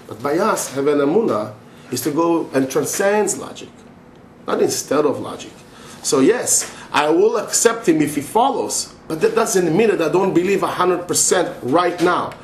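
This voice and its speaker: A man's voice: a little high, animated, moderate pace. A middle-aged man speaking as a religious teacher in an impassioned monologue, emphatic and insistent, often repeating himself. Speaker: religious teacher answering a question. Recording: echoey room with faint noise.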